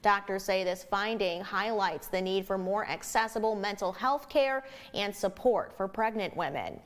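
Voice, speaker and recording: An American woman reading scripted news as a television anchor. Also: mid-range voice.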